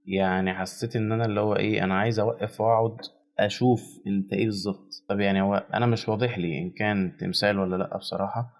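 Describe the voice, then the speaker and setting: A young man with an Egyptian accent talks through a trailer at a rapid clip. His voice sits slightly low. He reacts with excitable jokes and mock scolding aimed at the screen. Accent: Egyptian Arabic. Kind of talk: casual reaction commentary.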